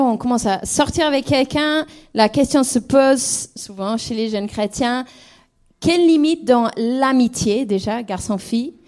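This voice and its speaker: A woman's voice: on the high side, a little mellow. Thoughtful woman with an English accent. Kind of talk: conversational teaching talk.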